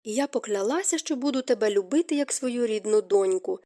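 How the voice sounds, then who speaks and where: A woman's voice: on the high side, animated, brisk, close to an everyday voice. A woman reading as a grieving stepmother. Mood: sorrowful. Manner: soft, hushed, tearful delivery. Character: grieving middle-aged stepmother, gentle and remorseful.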